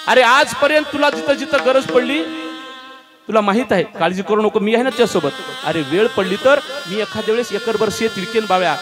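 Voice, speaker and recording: A man's voice: high voice, a little fast, music in the background, pitched above the performer's own voice, lightly acted. A man voicing a loving father who soothes and reassures his crying son. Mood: reassuring.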